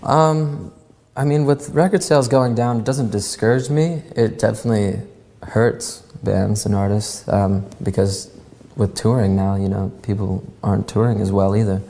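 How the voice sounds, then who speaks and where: Gravelly low-voiced man in a reverberant room. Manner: relaxed, many ums and pauses. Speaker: musician interviewee. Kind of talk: casual interview answers. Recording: long reverb.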